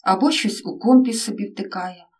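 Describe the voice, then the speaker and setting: Woman reading a story out loud, expressive, middle voice, bit far from the mic. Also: medium pitch, normal speed. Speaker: narrator.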